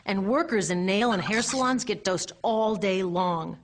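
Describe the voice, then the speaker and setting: Unhurried and medium-pitched, an American woman narrates a scripted explainer in a conversational, wry tone. She often throws in rhetorical questions as the presenter.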